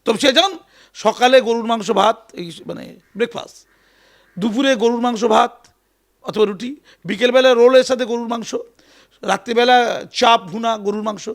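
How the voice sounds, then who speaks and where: A man giving an animated, emphatic political interview, often repeating his phrases. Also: very high-pitched. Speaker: interview guest.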